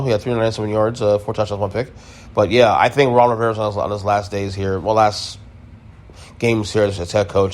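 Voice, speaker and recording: A sports podcast host delivers an emphatic, opinionated, casual recap, circling back to the same points with some mild swearing. He speaks in a fairly low, slightly mellow voice.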